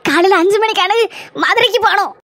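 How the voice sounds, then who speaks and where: A headstrong village mother in a cartoon, scolding and pleading in a Kanyakumari Tamil accent, voiced by a woman. Her voice is bright and very high. She talks quickly and without pause. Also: no room sound. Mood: insistent. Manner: pleading, then domineering and scolding. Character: worried insistent village mother. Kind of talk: cartoon voice acting.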